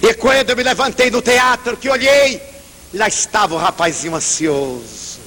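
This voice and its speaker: A man's voice: high-pitched, normal speed. An older man giving an emphatic public lecture, telling a story and acting out its dialogue. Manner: animated, emphatic, acts out dialogue. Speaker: spiritist lecturer. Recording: reverberant hall with faint hum.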